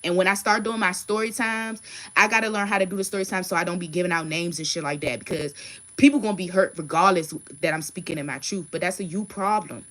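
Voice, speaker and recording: A woman's voice: fairly low pitch, fast talker, fairly bright tone. Blunt, cursing woman in her thirties. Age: 30s. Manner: blunt, profane, emphatic. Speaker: tarot card reader. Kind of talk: casual livestream rant and card reading.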